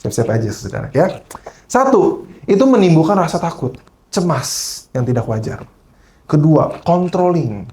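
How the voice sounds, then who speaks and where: A man's voice: a little high, moderate pace. A man preaching a sermon at a church service, switching into English phrases and often checking in with the congregation as he tells stories. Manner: animated storyteller.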